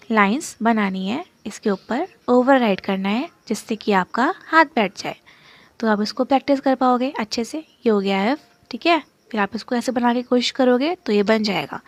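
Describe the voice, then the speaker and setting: With no room sound at all, a woman with a voice on the high side guides listeners through shorthand step by step while writing. Patient and repetitive with her terms, she often asks "okay?"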